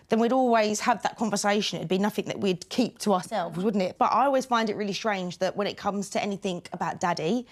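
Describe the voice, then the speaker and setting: A woman speaks earnestly and openly in a sit-down interview. Her pitch sits in a middle range. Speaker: family member. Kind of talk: interview aside.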